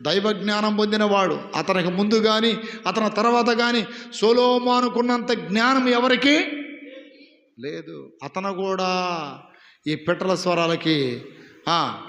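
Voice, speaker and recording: A man's voice: high voice, a little slow, long pauses, a bit bright. A man preaching a sermon as pastor, putting rhetorical questions to his congregation. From India. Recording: echoey hall with long reverb.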